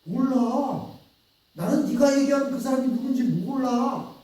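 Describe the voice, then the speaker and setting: Brief: pastor doing a scared man swearing loudly he knows nothing, raised voice, far off in a booming church hall. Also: a little slow. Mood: insistent denial. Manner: loud, pleading insistence. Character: frightened man denying, loud and insistent.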